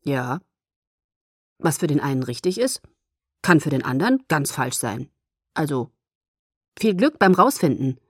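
A woman doing a gruff, awkward middle-aged dad. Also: low voice, sing-song, unhurried, pauses often, no room sound, studio quality, pitched below the performer's own voice, full character voice. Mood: calm. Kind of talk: audiobook character voice.

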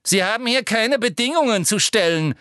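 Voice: medium pitch, animated, measured pace, fairly bright tone, dry recording, studio quality, pitched above the performer's own voice. A reader voicing an eager, pushy middle-aged woman official in an audiobook, asking insistent questions. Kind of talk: audiobook character voice.

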